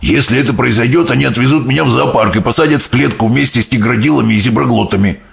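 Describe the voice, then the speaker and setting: Guy doing a deep rough gentle giant, mixes up his words, dull lo-fi audiobook with soft music. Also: fast talker. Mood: grumbling. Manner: mangles words into odd coinages. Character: big kindly giant, gentle, muddled with words.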